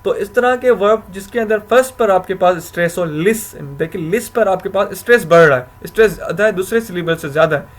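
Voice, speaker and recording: A man's voice: sits high, quick pace, few pauses. Man teaching grammar, self-correcting lecturer. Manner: explains step by step, asks himself questions, self-corrects with "sorry". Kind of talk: recorded video lecture.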